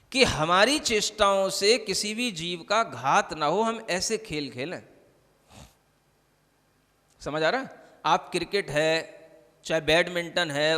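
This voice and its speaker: A Jain monk with a high-pitched, bright, forceful male voice gives a conversational sermon, often checking that his listeners follow by asking "समझ आ रहा है?". A long hall reverb surrounds the recording.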